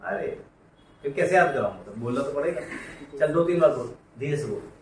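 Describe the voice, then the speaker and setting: Recorded by a distant mic in an echoey room with faint noise, a man teaches accounting, his voice fairly high, animated, gravelly and a little fast. He drills the class on repeating entries and scolds them in a familiar, coaxing tone during the lecture.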